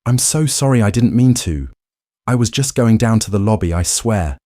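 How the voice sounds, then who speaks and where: A man's voice: very deep voice, animated, normal speed, warm tone, no echo, studio quality. A man voicing a frightened, pleading young maid. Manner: pleading and stammering.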